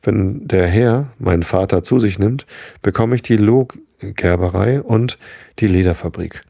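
A man's voice: fairly low pitch, unhurried, gravelly, mellow, no echo, studio quality. A man reading the part of a boastful, self-important young suitor. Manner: boastful, pleading, later threatening. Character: pompous, eager young male suitor, self-important elder's son.

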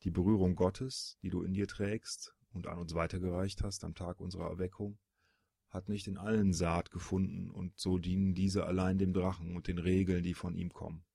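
Man voicing a grave, gravelly dragon-born being. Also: low voice, flat delivery, normal speed, mellow, no echo, clean studio sound, exaggerated voice.

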